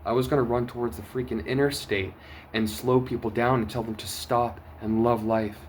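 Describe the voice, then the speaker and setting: A man sharing a personal testimony, earnest and emotional, going from urgent bursts to hushed quiet. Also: mid-range voice, fairly even intonation, moderate pace, slight background noise. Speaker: testimony vlogger.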